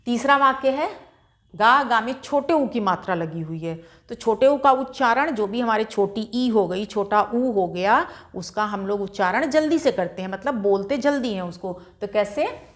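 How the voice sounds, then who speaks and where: A woman's voice: fairly high pitch, expressive, normal speed. A woman teaching Hindi reading at a board, spelling out each syllable patiently and repeating words for beginners, with an Indian Hindi accent. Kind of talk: slow board lesson, syllable by syllable.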